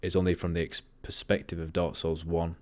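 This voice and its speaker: A man hosting a livestream, chatting casually in a monotone way and often drifting off topic. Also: sits low, a little fast, dry recording. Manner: rambling, easily sidetracked. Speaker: livestream host.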